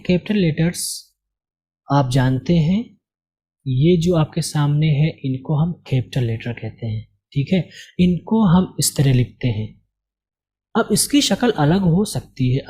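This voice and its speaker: A man teaching an English lesson, speaking slowly and repeating each letter with questions to the learner, in Hindi with many Urdu words. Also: on the high side, warm tone. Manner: Urdu-flavoured Hindi speech.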